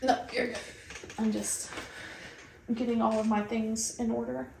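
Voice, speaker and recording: A woman co-host with a slightly high voice teases her friend and laughs easily, then pulls the chat back on track. The room is echoey, with a faint hum behind. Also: level tone, unhurried, vocal fry, a little mellow. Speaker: podcast co-host. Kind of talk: casual chat.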